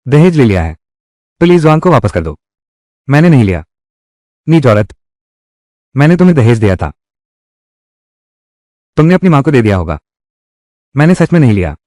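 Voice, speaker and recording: A man's voice: mid-range voice, very animated, moderate pace, pauses often, mellow, no room sound. Guy dubbing a whole drama alone, voice jumps around a lot, argues hard, dry sound. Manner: heated, quarrelsome dialogue delivery. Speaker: dubbing voice for all roles.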